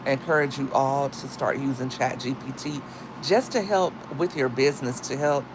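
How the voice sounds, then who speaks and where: A single mom and content creator chats casually with her livestream viewers in a deep, husky morning voice, tossing in slangy asides. She speaks at a moderate pace over background noise, recorded on a phone.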